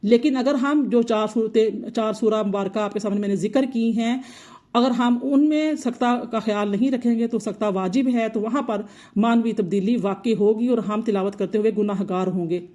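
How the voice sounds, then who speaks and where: A woman's voice: fairly high pitch, moderate pace, warm tone. A woman teacher explaining Quran recitation rules patiently, often repeating her points. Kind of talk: explanatory tajweed lesson.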